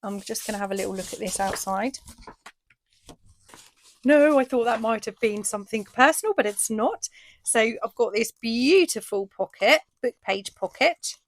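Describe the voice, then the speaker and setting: Chatty woman crafter, slightly high voice. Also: no room sound. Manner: chatty, enthusiastic, frequent ooh and fillers. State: losing her voice. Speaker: craft shop owner and vlogger. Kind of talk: casual video update and unboxing.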